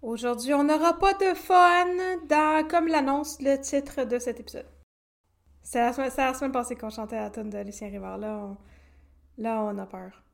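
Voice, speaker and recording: High-voiced Québécois woman podcast host. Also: steady tone, normal speed, creaky. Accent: Québécois French. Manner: playful, chatty, laughs often. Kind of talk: casual chat.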